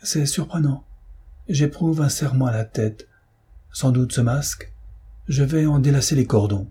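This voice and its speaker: A man's voice: mid-range voice, moderate pace, dark tone, slightly rough, voice pushed up. A man voicing a tired young woman at a masked ball, speaking plaintively.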